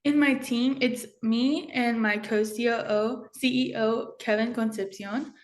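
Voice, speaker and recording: A teenage girl who runs a student company as CEO answers interview questions about her product, careful and a little hesitant. Her voice sits on the high side, with fairly even intonation and an unhurried pace.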